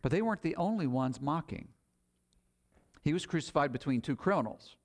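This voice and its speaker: A man's voice: fairly high pitch, animated, brisk. Man preaching in casual retelling. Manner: retells scripture in plain conversational paraphrase. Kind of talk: sermon.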